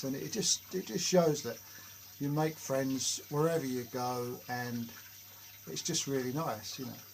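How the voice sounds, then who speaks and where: A man's voice: medium pitch, darkish tone, slight background noise, poor audio. A man vlogging casually from his home workshop shed, telling jokey, self-mocking stories to the camera. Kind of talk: casual rambling chat to camera.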